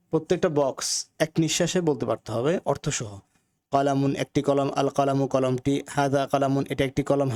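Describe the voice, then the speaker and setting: A man's voice: mid-range voice, a little mellow. A man teaching a recorded Arabic grammar lesson, carefully sounding out words and repeating them with their meanings for learners. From Bangladesh. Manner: repeats phrases for learners to follow.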